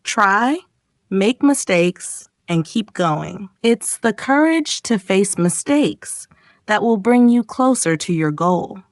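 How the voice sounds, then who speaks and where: A woman narrates an English speaking lesson in a measured, encouraging way. Her voice sits at an ordinary pitch for a woman. It is recorded close and dry, like a studio voice-over. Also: expressive, dry recording. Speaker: English teacher. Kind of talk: scripted motivational narration.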